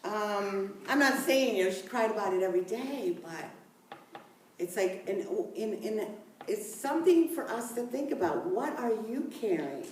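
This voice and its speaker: A woman's voice: mid-range voice, expressive, a little slow, darkish tone, a little hiss or hum. A woman minister delivers a sermon in a conversational, storytelling manner, with chatty asides and easy laughter. Her voice carries a heavy echo from a church room. It is picked up from some distance away. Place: church sanctuary. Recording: echoey room, mic at a distance.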